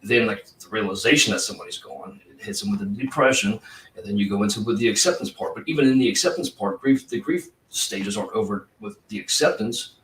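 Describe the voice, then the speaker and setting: A man's voice: on the low side, fast talker, a bit bright, far from the mic. Man in a roomy room, off-mic. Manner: intense, profane, rambling with many "you know"s. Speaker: retired police officer, guest. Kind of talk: casual podcast conversation.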